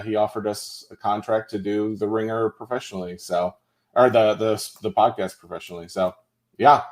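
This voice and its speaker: A man from Tennessee, a podcast guest telling a story in casual chat, loose and full of asides. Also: medium pitch. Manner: relaxed storyteller, many fillers and asides.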